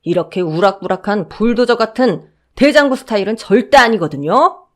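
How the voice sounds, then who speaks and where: A woman's voice: mid-range voice, expressive, moderate pace, close to an everyday voice. A woman voicing a blunt male security guard who mocks and dismisses an intruder. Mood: dismissive. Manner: dismissive, gruff, sarcastic.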